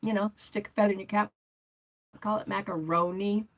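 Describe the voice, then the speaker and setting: A woman's voice: mid-range voice, fairly even intonation, moderate pace. An older woman hosting a casual livestream, rambling and chatty as she reads out viewer comments and answers them. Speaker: motorcycle vlogger hosting a livestream.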